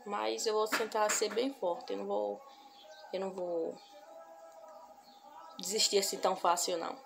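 In this noisy phone recording, a young adult woman speaks to her viewers from a couch in a small room at home, the camera at arm's length and music playing in the background. Her mid-range voice is flat and fried as she talks softly in a casual, heartfelt vlog, repeating herself and stopping often to collect her thoughts.

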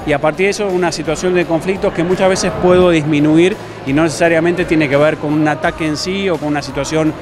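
Over music in a large, bustling indoor gym, a La Plata man in his thirties speaks fast and steadily, with few pauses, into a handheld reporter mic. The self-defense instructor's voice sits on the high side and carries an Argentine Spanish accent as he explains things off the cuff.

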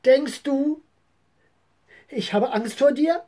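A woman's voice: high-pitched, takes it slowly, mellow, voice pushed up. A woman voicing a defiant little boy who insists he is right. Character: stubborn little boy, the younger brother.

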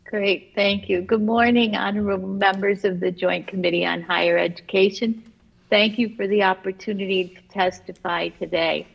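A woman's voice: medium pitch, fairly even intonation, moderate pace, creaky, breathy edge. A woman testifying remotely by video call as a commission chair, delivering composed, formal prepared remarks. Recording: dull video-call audio.

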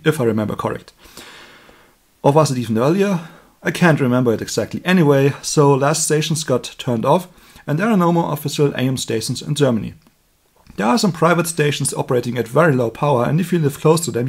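Sitting at a table indoors, a man presents an unscripted, hands-on electronics demonstration, explaining each step as he goes. His voice is slightly husky and on the high side.

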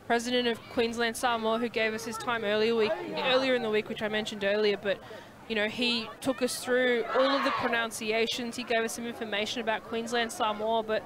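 A woman commentating live on a football match, chatty and quick to laugh. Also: a little high, flat delivery, crowd noise. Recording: outdoor broadcast with background noise.

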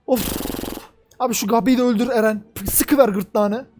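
A young man reacting live to an anime episode, talking at the screen, cheering the characters on and swinging between loud outbursts and low muttering. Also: fairly even intonation, a little slow. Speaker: reaction video creator.

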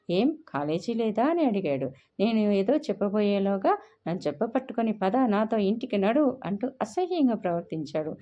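A woman's voice: medium pitch, lo-fi sound. A woman voicing a dramatic, self-pitying college girl who sobs and wails as she complains. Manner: sobbing, melodramatic wailing.

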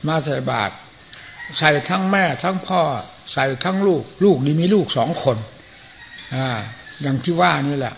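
An older man speaks as a Buddhist monk giving a sermon, his voice gravelly and pitched slightly high. His talk is plain and folksy, and he clears his throat often. The recording is a muffled old tape with a faint hiss behind it. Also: fairly bright tone.

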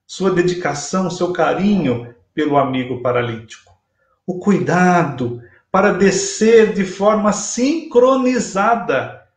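A Brazilian man in his fifties delivers a religious lecture at an unhurried, deliberate pace, his voice sitting fairly high for a man. He retells the story with measured emphasis. The sound comes through a webcam in a small, roomy-sounding home room. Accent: Brazilian Portuguese. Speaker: spiritist lecturer. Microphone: webcam at desk distance, video call. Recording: echoey room via webcam.

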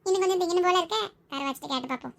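A woman playing a cheeky teenage boy who teases and shouts at his sister, with a Tirunelveli Tamil accent. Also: extremely high pitch, rapid-fire. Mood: teasing. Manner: loud, teasing, shouting.

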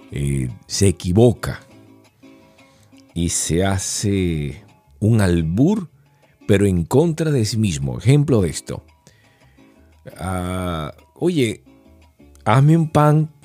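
Deep-voiced Venezuelan man, lively and slow. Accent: Venezuelan Spanish. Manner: playful, laughing, acts out mock sung exclamations. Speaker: podcast host. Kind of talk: casual explanatory podcast monologue.

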